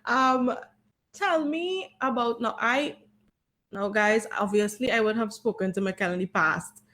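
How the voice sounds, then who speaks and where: A woman's voice: a little high, a little slow, fairly bright tone. Chatty woman hosting a podcast. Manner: chatty, encouraging, lots of affirming "mm-hmm". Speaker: podcast host. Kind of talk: casual interview chat over video call. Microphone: video call.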